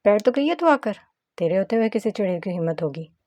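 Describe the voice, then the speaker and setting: A woman's voice: medium pitch, expressive, fast talker, a little mellow, no room sound, natural voice. Woman voicing a brash teasing gangster husband. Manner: street slang, mocking banter.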